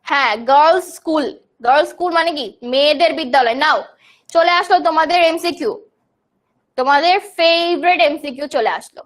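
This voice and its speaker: A young woman from Bangladesh leads a live online English grammar class. Her voice sits high and clear. She explains each term patiently and answers students' comments as they come in. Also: a little fast. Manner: explains terms in Bengali, reads student comments aloud.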